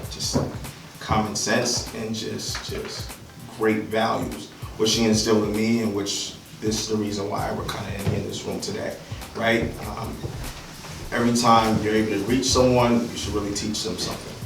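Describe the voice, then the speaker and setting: A Liberian man in his thirties gives an informal real estate workshop in a room of a house, speaking conversationally to a seated audience and sprinkling in "right?" and "um." His fairly low, creaky voice is flat and at normal speed, heard over music. A distant camera catches him in an echoey room.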